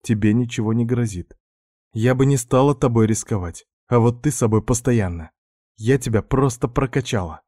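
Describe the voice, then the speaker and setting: A man's voice: medium pitch, moderate pace, dark tone, no room sound, studio quality, pitched above the performer's own voice, natural voice. A man voicing a composed, clever young woman doctor who explains things in a level, matter-of-fact way in an audiobook. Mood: reassuring.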